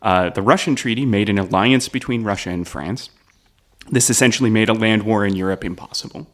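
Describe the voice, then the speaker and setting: A man's voice: lowish voice, fairly quick, a bit bright. A man telling a history story on a comedy podcast, casual, often checking in with "right?". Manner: explains with "right?" asides, laughs at the jokes.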